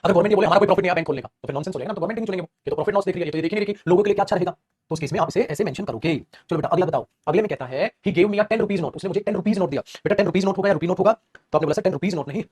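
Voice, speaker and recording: A man teaching an English grammar class in rapid Hindi mixed with English, calling his students "beta" as he corrects their answers. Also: high-pitched, darkish tone, slightly rough. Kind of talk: online coaching lesson.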